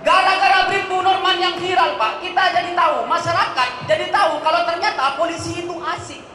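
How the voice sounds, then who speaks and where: Male stand-up comic on stage, high bright voice, echoey venue with a crowd. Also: fairly even intonation, fairly quick, soft background music. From Madura. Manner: addresses the audience as "Pak", sings jokey snippets. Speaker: stand-up comedian. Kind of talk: stand-up comedy set. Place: large hall with a live audience. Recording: echoey hall, crowd noise.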